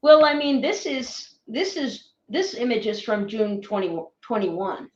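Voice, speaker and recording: A woman's voice: a little high, expressive, a little slow, muffled recording. Distant roomy-sounding woman on a call. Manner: hesitant, many fillers and restarts. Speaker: guest sharing orb photos. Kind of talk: casual explanatory chat.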